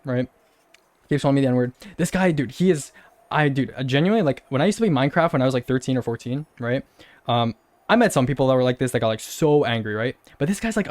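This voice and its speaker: A man's voice: medium pitch, a little mellow, dry recording. A young man telling a long story, rambling and repeating himself with incredulous laughs. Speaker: streamer. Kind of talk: casual storytelling rant.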